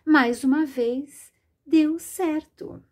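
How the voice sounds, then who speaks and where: A woman's voice: sits high, darkish tone. A woman teaching a children's literacy lesson, patient and didactic, drawing out words and sounds as she speaks straight to the learner. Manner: slow, drawn-out and sing-song, stretching words and sounds.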